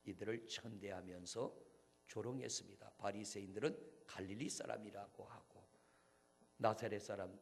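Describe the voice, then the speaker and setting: A male pastor preaching a sermon in a church, swinging between hushed near-whispers and loud, emphatic exclamations. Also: fairly low pitch, vocal fry, slight background noise.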